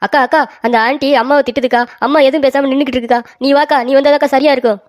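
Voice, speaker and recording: Lady playing a whiny little boy begging, quick chatter, cartoon. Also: high-pitched, steady tone, close to an everyday voice. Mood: pleading. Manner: pleading, fast talking. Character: pleading young boy who denies lying.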